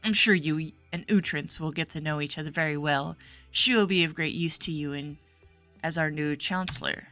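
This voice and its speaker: A woman voicing a composed, formal middle-aged abbess who speaks in a measured, courteous way. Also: deep voice, fairly bright tone, soft background music.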